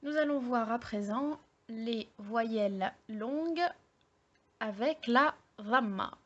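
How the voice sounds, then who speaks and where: A woman teaching an online language lesson, explaining slowly step by step with many hesitations and fillers. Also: a little high, fairly bright tone, highs cut off. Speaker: Arabic teacher.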